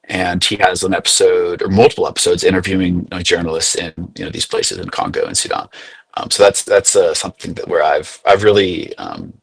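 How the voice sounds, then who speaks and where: A young man from the United States speaks in a low, slightly husky voice. He talks earnestly, restarting and refining his points as he reasons them through. The sound is dry, with no room around it. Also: lively intonation, a little fast, dry recording, low-quality recording. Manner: earnest, thinking aloud with frequent self-corrections. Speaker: guest, graduate student activist. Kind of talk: casual interview talk.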